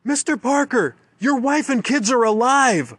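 A man voicing a female park ranger who shouts urgently over helicopter noise. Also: very high-pitched, lively intonation, measured pace, no echo, voice pushed up.

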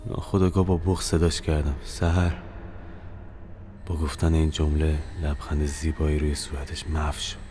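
A man's voice: a bass voice, flat delivery, few pauses, warm tone, a little hiss or hum. A young man narrating his own horror audio novel in the first person, with dramatic, tense storytelling. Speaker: narrator and author.

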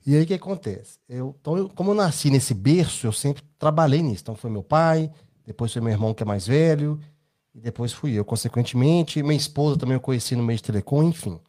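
Brazilian male co-host, mellow warm tone, casual rambling storyteller, Brazilian accent. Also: medium pitch, expressive, fast talker. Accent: Brazilian Portuguese. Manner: anecdotal, rambling, tag questions. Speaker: podcast co-host. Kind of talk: casual podcast chat.

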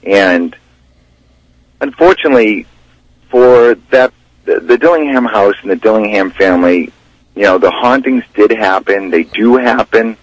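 A man's voice: on the low side, a little slow. A man chatting casually as a guest in a radio interview, with a folksy, rambling way of talking that circles back over phrases. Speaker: radio guest, local ghost investigator and tour guide. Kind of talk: casual radio interview chat about local history. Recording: dull, roomy, lo-fi radio line.

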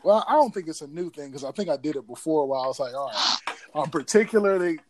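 A man hosting a podcast in casual, slangy, profane frat-bro banter, excitable and quick to laugh. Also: on the high side. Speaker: podcast host.

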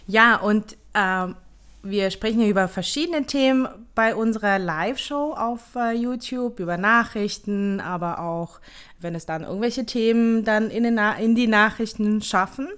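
A woman in her thirties from Ukraine, co-hosting a casual podcast chat and pausing often with fillers. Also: medium pitch, fairly bright tone, clear, resonant tone. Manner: hesitant, many fillers. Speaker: podcast co-host.

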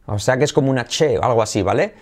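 Man, spanish accent, middle-aged, english teacher, video lesson, lively, repeats practice words. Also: medium pitch, racing. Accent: Spain.

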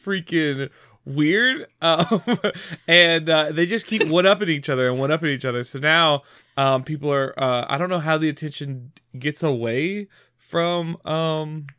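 Laid-back woman co-host, bright dry voice. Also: sits low, a little slow, no echo. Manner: laid-back, chimes in, trails off with fillers. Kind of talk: casual movie recap chat.

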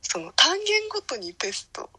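A woman in her late teens chatting casually and politely, often with soft laughter. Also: extremely high pitch, very animated, moderate pace. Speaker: guest looking back on high school. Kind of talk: casual chat, polite to an elder.

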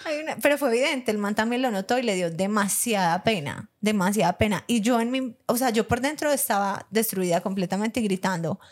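A woman's voice: medium pitch, brisk, few pauses. A young Colombian woman co-hosting a podcast, telling a story with lots of laughter and acted-out lines. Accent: Colombian Spanish. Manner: animated, laughs often, acts out her own past lines. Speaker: podcast co-host. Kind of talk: casual storytelling chat.

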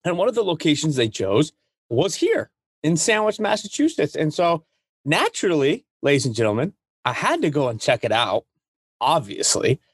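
A man's voice: fairly high pitch, sing-song, normal speed, slightly rough, no room sound, clean studio sound. A man co-hosting a podcast in casual conversation, enthusiastic, with playful asides to the listeners. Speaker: podcast co-host.

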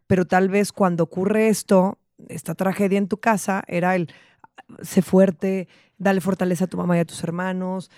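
A woman's voice: on the low side, flat delivery, normal speed, darkish tone, no echo, studio quality. A Mexican woman co-hosting a podcast, reflective and supportive, making emphatic points about parenting. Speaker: podcast co-host. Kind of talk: casual podcast conversation.

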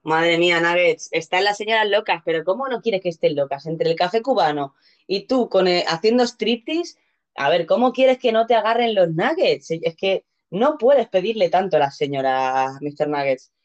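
A woman's voice: fairly low pitch, lively intonation, normal speed. A woman with a Castilian Spanish accent hosting a casual live show, chatty, playful and given to exclamations. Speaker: host. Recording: dull, lo-fi audio.

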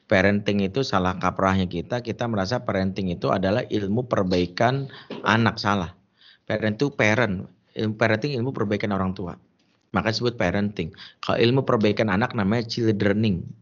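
A man's voice: on the low side, fairly quick. A man preaching a humorous sermon, emphatic and joking as he tells stories and gives advice, on a dull lo-fi recording.

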